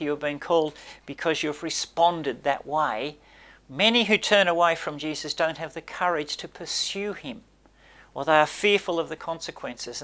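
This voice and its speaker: An older man preaching a sermon in a small church, emphatic and gesturing, his voice dropping low at the ends of points. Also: a bit bright. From Australia. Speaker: pastor. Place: small indoor church space by a brick wall.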